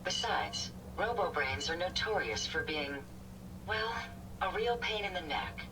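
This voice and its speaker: An actor voicing a courteous, apologetic robot companion in a video game, speaking formally. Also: male voice, sits high, big pitch swings, a little slow, far from the mic, background noise. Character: polite regretful robot companion.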